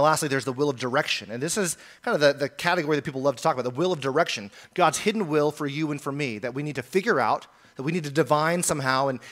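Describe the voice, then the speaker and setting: A man's voice: a little high, a bit bright. A male pastor preaching a sermon in an earnest, emphatic way, often repeating key phrases.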